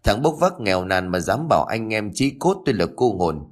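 A foul-mouthed, defiant young man snaps back at his elders in quick, sneering bursts, as a man reads him. His pitch jumps around a lot, and his voice sits low. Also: animated, breathy edge. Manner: sneering, cursing, fast. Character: rude insolent young man, defiant son.

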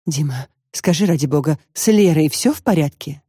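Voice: mid-range voice, expressive, normal speed, mellow, breathy edge, no echo, studio quality. An audiobook narrator voicing an anxious, fussing grandmother in her older years. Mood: fretful. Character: flustered grandmother, older woman.

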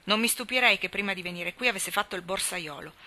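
A woman's voice: mid-range voice, fast talker, bright, forceful tone, lightly acted. A woman reading the part of a mocking, taunting boy. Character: sneering taunting boy, a bully. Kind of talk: audiobook character reading.

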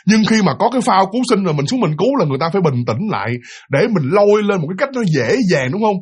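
A man's voice: high-pitched, big pitch swings, rapid-fire, breathy edge. A man with a Southern Vietnamese accent telling a ghost story in a chatty way, speaking straight to his listeners. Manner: chatty, addresses listeners directly. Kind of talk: spooky storytelling.

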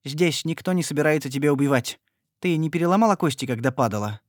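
A man's voice: on the high side, expressive, quick pace, no echo, clean studio sound, lightly acted. A man doing a blunt, bold country girl. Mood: stern. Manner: blunt, commanding. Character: bold blunt young country woman, impatient.

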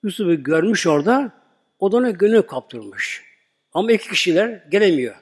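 A man's voice: sits high, big pitch swings, brisk, breathy edge, in a large hall. A man preaching a sermon, earnestly telling a religious story and acting out its dialogue for the congregation.

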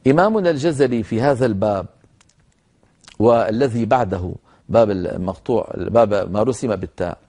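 In a broadcast lesson, a man teaches the rules of Quran recitation, speaking in a measured way and slowly demonstrating recited words. He calls his listeners brothers, and his voice sits on the low side with a mellow quality.

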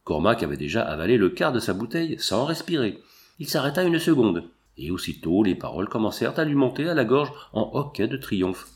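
A man narrating a novel in an expressive, measured reading. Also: on the low side.

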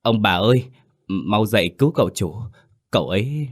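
A man voicing a meek young male servant who mumbles quietly in a narrated folk tale. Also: fairly low pitch, expressive, normal speed. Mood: frantic.

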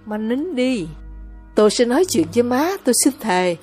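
A woman voicing an anxious, earnest young village man who speaks quietly with a shaky voice in a storybook reading. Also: on the high side, expressive, moderate pace, husky, faint music behind. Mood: pleading.

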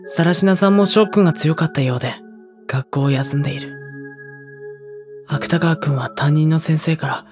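A male voice actor narrates a scripted first-person drama as a subdued high school boy, his tone grave and low-spirited. His voice is on the high side, at a moderate pace with long pauses and light acting, and music runs under it.

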